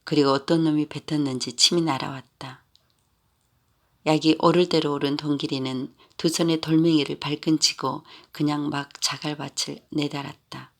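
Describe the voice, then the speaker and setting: A man narrating a story in a steady, even storytelling manner. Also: fairly high pitch, normal speed, vocal fry.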